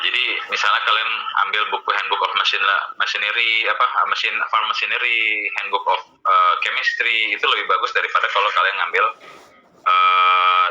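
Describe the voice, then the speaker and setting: A man's voice: fairly low pitch, bright, forceful tone. A man giving a casual online lecture to students, chatty, with many fillers, over dull lo-fi call audio. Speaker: university lecturer. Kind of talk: online lecture with screen sharing.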